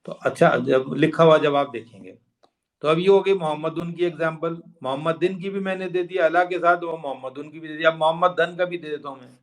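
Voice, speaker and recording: Male Quran teacher, slightly high-pitched, repeats word endings slowly to demonstrate, explains grammar patiently. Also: fairly even intonation. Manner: mixes English terms into Urdu explanation.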